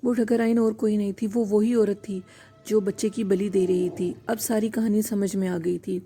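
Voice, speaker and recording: A woman narrating a first-person horror story in a steady, unhurried reading voice. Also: medium pitch. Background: faint background music.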